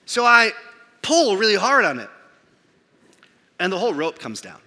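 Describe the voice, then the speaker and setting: A man in his thirties preaching a sermon, telling a self-mocking story in an animated way and acting out the voices. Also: high voice, moderate pace. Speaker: pastor. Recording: reverberant hall.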